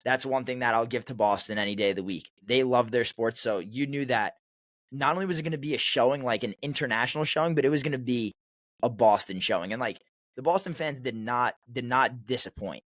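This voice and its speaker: A man's voice: mid-range voice, a little fast, a bit bright, no echo, studio quality. A young man co-hosting a hockey podcast, telling stories in a rambling, casual way full of fillers. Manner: rambling, filler-heavy storytelling. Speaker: podcast co-host. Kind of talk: casual chat.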